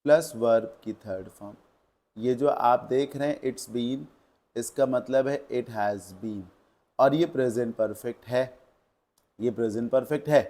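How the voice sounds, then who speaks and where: A man's voice: medium pitch, a little mellow. A man with an Indian accent teaching an exam-prep grammar lesson. He asks questions and answers them himself, and reads English example sentences aloud word by word.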